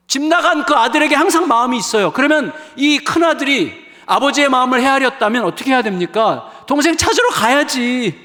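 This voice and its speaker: A middle-aged male pastor preaching a revival sermon with emphasis, rising to exclamations and dropping to hushed asides. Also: very high voice. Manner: emphatic, swings between raised exclamations and hushed asides, acts out quoted voices. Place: church sanctuary. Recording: long reverb of a church hall.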